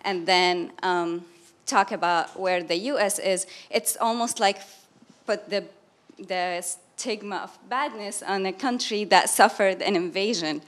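A woman's voice: medium pitch, a little slow. A young woman from Syria, a graduate student, asking a long, hesitant question from the audience at a panel talk, with many fillers. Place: lecture hall audience.

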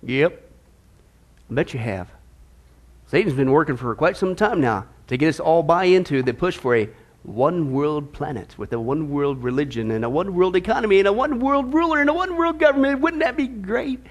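A male pastor preaching a sermon, emphatic and animated, with rhetorical questions and sarcastic asides. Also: on the high side, moderate pace. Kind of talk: sermon on prophecy.

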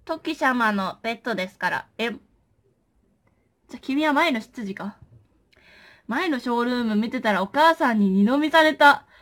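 A young woman hosts a makeup livestream from a small indoor room, chatting casually and playfully with her viewers. Her voice sits a little high and she speaks at a moderate pace, pausing often and frequently exclaiming as she reacts.

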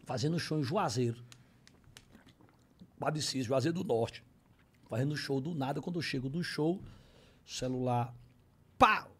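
A man's voice: mid-range voice, normal speed, long pauses, darkish tone, husky. A man from Ceará, a comedian, telling a slangy comic story with a Cearense accent on a podcast. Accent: Cearense Brazilian Portuguese. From Ceará, Brazil. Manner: slangy, acts out every voice in his story.

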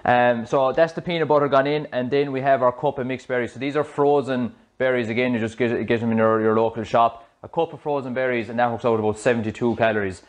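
A man in his thirties with an Irish accent, a fitness coach talking through a smoothie recipe in his home kitchen on a clip-on mic, chatty and explanatory. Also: mid-range voice, steady tone, fast talker, hardly any pauses. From Ireland. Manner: chatty, explanatory, loose restarts. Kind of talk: casual cooking demonstration. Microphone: small clip-on mic.

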